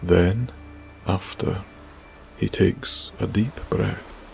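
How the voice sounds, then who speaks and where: A man narrating a bedtime sleep story in a soft, hushed, breathy manner. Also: low voice, drawn-out words, slight background noise.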